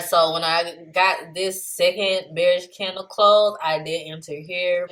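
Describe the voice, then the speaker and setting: A young woman walks through her trades in a relaxed screen-share recap. She talks loosely and chattily into a desktop mic and laughs at her own slips. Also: on the low side.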